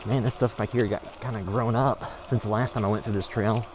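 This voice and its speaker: A man's voice: fairly low pitch, fairly even intonation, fairly quick, natural voice. Man acting as amateur monster hunter, found-footage horror, hesitant, offhand, skeptical, faint outdoor noise. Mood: musing, wary. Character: casual skeptical male amateur creature hunter filming himself. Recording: noisy location sound.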